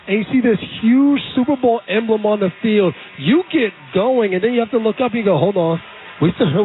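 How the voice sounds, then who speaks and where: A man, a former player, giving casual, confident football analysis on a radio broadcast. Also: high-pitched. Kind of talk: radio sports commentary. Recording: phone-like band-limited radio audio.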